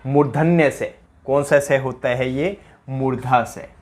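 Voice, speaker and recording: A man's voice: mid-range voice, fairly even intonation, a little slow, faint music behind. A male teacher giving a pronunciation lesson, drilling students with repeated questions. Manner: drills with repeated questions, mimics rural dialect speakers for laughs.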